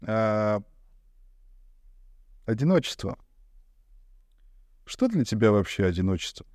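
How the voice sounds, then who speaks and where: A man with a fairly low voice hosting a podcast. He asks questions casually and throws in teasing jokes, recorded dry with little room sound. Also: sing-song, slow, a little mellow, no echo. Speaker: podcast host. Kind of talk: casual conversation.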